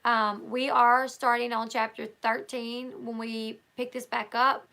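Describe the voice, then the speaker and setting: A livestream host reads from a book and chats freely with viewers, thinking out loud amid many ums and restarts. Her hoarse voice sits a little high with a gravelly fry, bright with an edge, and she holds a level tone at a measured pace.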